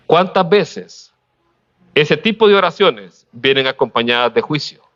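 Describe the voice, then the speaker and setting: A man from Honduras preaches, his voice sitting somewhat high. He works through the sermon with pauses and rhetorical questions, laughing lightly now and then. The recording is muffled and lo-fi. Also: a bit bright.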